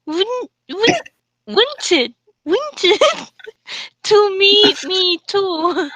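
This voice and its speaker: A woman's voice: very high voice, lively intonation, extremely slow, a bit bright, slight background noise. A woman giving a comedic dramatic reading of a badly written story, stumbling over misspelled words. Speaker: dramatic reader of a fanfic.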